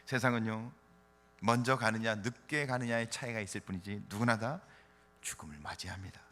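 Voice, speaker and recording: A middle-aged man from the Chungcheong region preaching a sermon in a church, asking the congregation rhetorical questions with gentle humor. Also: on the low side, brisk. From Chungcheong, South Korea. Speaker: pastor. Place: church sanctuary. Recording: reverberant church hall.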